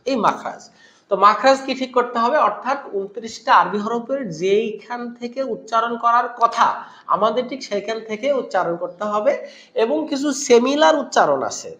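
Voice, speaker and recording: A man's voice: very high voice, normal speed, pushed and bright, echoey room, dull audio. A man teaching Quran recitation, who explains Arabic letter sounds by demonstrating them and then asks and answers his own questions. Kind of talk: lesson on Arabic letter pronunciation.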